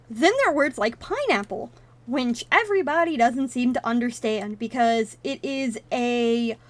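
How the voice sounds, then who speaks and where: A high-voiced woman, a native Russian speaker, casually comments on a game during a live stream. She thinks out loud and drifts off into tangents.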